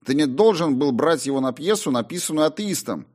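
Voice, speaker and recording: A stern, pious mother, as a male narrator puts her on, scolds in a raised, quick voice. Her tone is prim and disapproving throughout, read as part of a storybook narration. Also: expressive, a little mellow, husky. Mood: reproachful. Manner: high, quick, reproachful.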